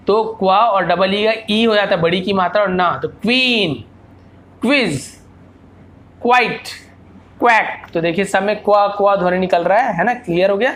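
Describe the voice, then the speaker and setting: A male teacher explaining English phonics, asking himself questions and then answering them, and repeating example words slowly. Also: sits high, slight background noise.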